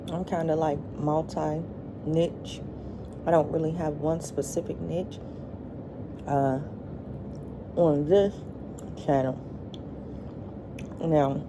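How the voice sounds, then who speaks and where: With a noisy background, a middle-aged woman vlogs while eating, talking to viewers in a low-pitched voice. Her chat is casual, colloquial and halting.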